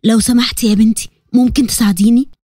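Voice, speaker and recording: A woman's voice: on the high side, steady tone, fast talker, dark tone, breathy edge, no echo, studio quality, pitched below the performer's own voice. A woman voicing a sweet, friendly middle-aged woman with a Levantine Arabic accent, talking in a coaxing, motherly way.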